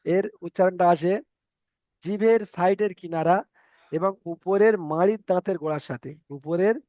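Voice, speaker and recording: A man's voice: high voice, moderate pace, dark tone, dry recording, dull audio. A male teacher with an Indian Bengali accent, leading an online Arabic reading lesson and patiently repeating letter sounds for his students. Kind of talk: online Quran reading class.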